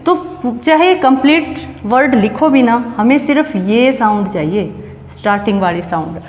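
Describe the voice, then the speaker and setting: Female teacher, fairly high voice, patient step-by-step explainer, recorded in a reverberant room. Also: expressive, moderate pace. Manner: explains step by step, asks and answers her own questions. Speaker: English teacher. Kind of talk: classroom grammar lesson. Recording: echoey room with long reverb.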